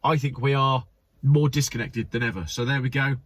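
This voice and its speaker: A channel host with a medium-pitched, fairly even voice reads memes aloud at a brisk clip, dropping wry, sarcastic asides as he goes. His voice sounds slightly stuffy and nasal, and there's no echo on the recording.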